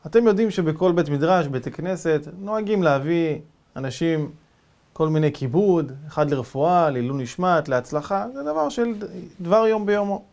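A rabbi telling a dramatic story in an animated, lively way as a sermon. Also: male voice, a little high.

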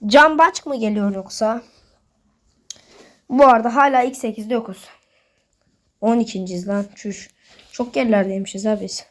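A woman's voice: fairly high pitch, normal speed, long pauses. A woman giving casual commentary while playing a football manager game, getting worked up and scolding the players on screen as she talks to her viewers. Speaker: gaming video host.

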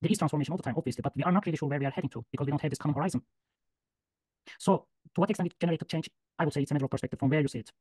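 A man's voice: on the high side, darkish tone, no room sound, poor audio. A man in his thirties, a guest speaker, arguing his point in an earnest way on a video call from a room with bookshelves. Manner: fast, earnest, argumentative. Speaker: guest speaker, human geographer. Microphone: laptop webcam video call.

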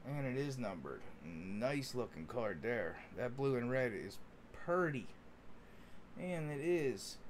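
This is a medium-pitched man running a sports card break, giving friendly, folksy running commentary while opening cards at an indoor table covered in them. There is slight background noise.

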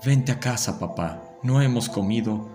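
Small sobbing boy of six, as a man puts him on, higher voice, plaintive, loud music behind. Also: lively intonation, brisk, natural voice. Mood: pleading. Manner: plaintive, tearful pleading. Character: grieving little boy of six, pleading.

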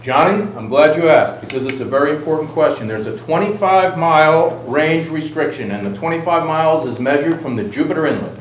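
A middle-aged man co-hosting a rundown of tournament rules with wry, deadpan jokes, recorded in a fishing shop. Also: a little high, a little fast, hardly any pauses, reverberant, a little hiss or hum, low-quality recording. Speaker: co-host.

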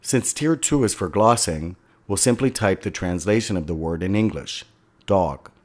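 Low-voiced man narrating a software tutorial. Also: animated, moderate pace. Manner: step-by-step, instructional. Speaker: instructor.

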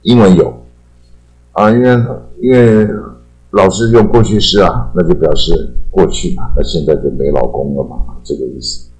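Deep-voiced older Taiwanese man teaching. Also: darkish tone, faint music behind, low-quality recording. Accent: Taiwanese Mandarin. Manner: chatty, drawn-out sentence-final particles. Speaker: English teacher. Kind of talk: casual explanatory lesson.

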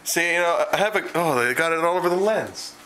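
A man's voice: fairly high pitch, animated, a little fast. A young man from Canada, filming home sketches and joking around in playful, theatrical chatter. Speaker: camera operator in home sketches. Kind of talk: casual home-video chatter. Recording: noisy home-camera audio.

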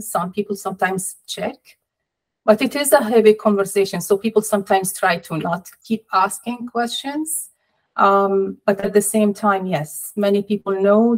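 A middle-aged woman talks over a video call from a small room. She speaks as an interview guest in a measured, sorrowful way, pausing often between thoughts. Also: medium pitch, low-quality recording. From Palestinian, family in Jordan. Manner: measured, sorrowful, deliberate pauses. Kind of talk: personal interview. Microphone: laptop or webcam on video call.

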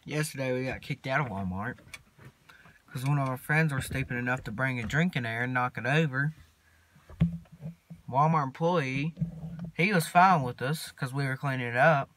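Teen guy mumbling to his phone in a truck cab, slow drawl, lots of pauses. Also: mid-range voice, a bit bright, slight background noise. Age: teens. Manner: mumbled, laid-back drawl with long pauses. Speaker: vlogger. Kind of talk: casual rambling vlog. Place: inside a parked truck cab. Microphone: phone camera at arm's length.

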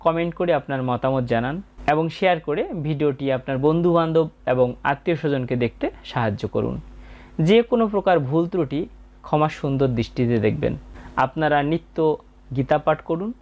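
A man with a Bengali accent teaching a scripture lesson, chanting verses slowly and then explaining them calmly. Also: a little high, muffled recording. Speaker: Gita recitation teacher. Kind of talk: slow Sanskrit chanting and explanation.

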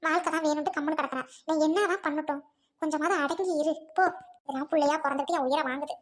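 A woman's voice: sits high, fairly even intonation, quick pace, close to an everyday voice. A woman playing a domineering rich mother-in-law who scolds and threatens, in an amateur family drama. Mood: scolding. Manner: bossy, scolding, harsh commands.

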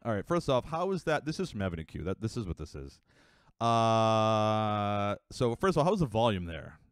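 A man's voice: on the low side, big pitch swings, clear, resonant tone, faint music behind. Rambling young man streaming. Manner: rambling, with many fillers and quick asides to chat. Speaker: livestreamer. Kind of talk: casual live-stream chat.

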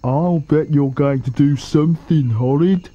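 A man's voice: fairly high pitch, a little slow, dark tone, highs cut off. A man voicing a gigantic, nosy and suspicious hippopotamus from a children's storybook.

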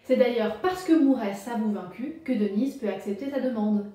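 A woman teacher explains a novel in a clear, explanatory way. Her voice is fairly high. The recording is strongly roomy, with plenty of echo. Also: normal speed, warm tone, distant mic, faint music behind. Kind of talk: literature lesson explanation.

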